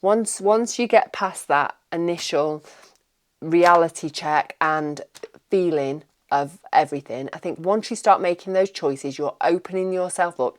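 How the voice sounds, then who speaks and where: A woman giving a casual tarot reading, rambling and reassuring, often repeating her words. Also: deep voice. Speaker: tarot reader.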